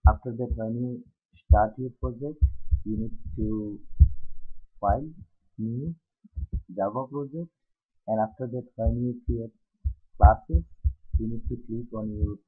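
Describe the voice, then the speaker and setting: A hoarse man with a cold talks through a screencast tutorial as an instructor, halting often with fillers and restarts. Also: mid-range voice. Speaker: software testing instructor. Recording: tinny phone-like audio.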